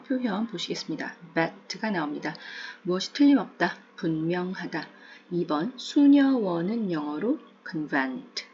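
Woman teacher, slow patient explaining, repeats phrases, dull lo-fi sound. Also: fairly low pitch, darkish tone, a little hiss or hum. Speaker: English teacher. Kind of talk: lesson narration.

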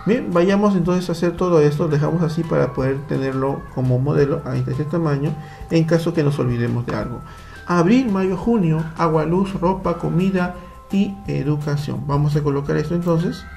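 A man with a Peruvian Spanish accent teaches children a computer lesson via screen recording, patiently explaining each step and using frequent tag questions. His voice is on the high side, a little fast, gravelly and warm, with soft music in the background.

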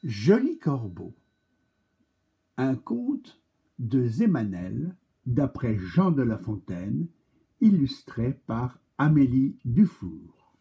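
A man reading a picture-book tale aloud to children, animated and speaking directly to his young listeners. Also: medium pitch, slow, creaky, pauses often, breathy edge. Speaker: storyteller for children.

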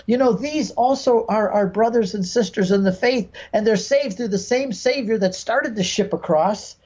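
A high-pitched American man in his sixties from Michigan speaks at a moderate pace with a darkish tone, guesting on a podcast over a video call from a home room lined with bookshelves. He explains things through stories and examples, emphatically acting out quoted speech. The recording sounds muffled.

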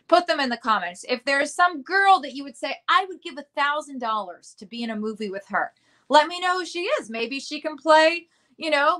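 A woman's voice: on the high side, sharp tone. A young adult woman hosting a casual live stream, bubbly and giggly as she chats with viewers and reads their comments. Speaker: livestream host, actress.

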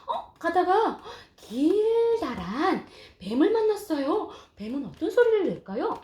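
A young mother reads a picture book to her baby in high, sing-song baby talk that leaps all over the place. She draws her words out slowly and coos and exclaims often. The room is echoey, and clear toy and household noise sits behind her. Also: sing-song, mellow. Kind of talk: reading a picture book aloud to an infant.

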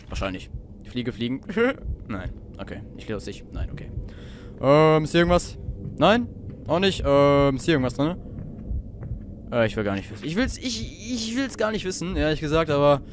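A teenage boy playing a horror game and joking nervously to his viewers, with faint game ambience behind him. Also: medium pitch. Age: teens. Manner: nervous, joking, talks to viewers, sudden shouts. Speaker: let's play gamer. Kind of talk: horror let's play commentary.

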